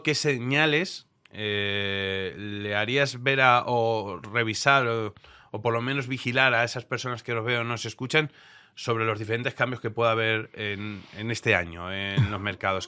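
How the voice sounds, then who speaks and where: A man's voice: mid-range voice, bright, forceful tone, smooth. A man hosting an interview, asking long, rambling questions in a conversational way. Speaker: interview host. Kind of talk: casual interview talk.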